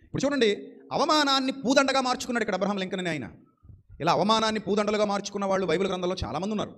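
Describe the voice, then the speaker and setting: Guy preaching fast and fired up, high voice, keeps firing off questions and repeating himself. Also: a bit bright. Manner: fervent, rhetorical questions and repetition. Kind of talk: sermon.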